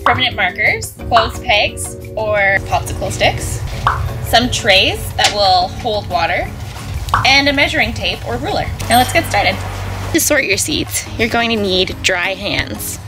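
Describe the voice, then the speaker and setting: A woman's voice: fairly high pitch, expressive, a little slow, music in the background, low-quality recording. Young woman giving patient instructions. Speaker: farm educator. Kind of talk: instructional demonstration.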